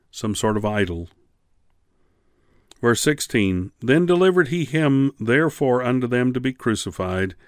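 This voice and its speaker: A man teaching a radio Bible lesson, reading scripture in slow, measured phrases and then commenting with emphatic rises on key words. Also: mid-range voice, no room sound, clean studio sound.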